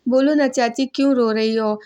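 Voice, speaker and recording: A woman voicing a worried young married woman who keeps pleading to be told what happened, slower than her narration. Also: on the high side, steady tone, noisy background, close to an everyday voice.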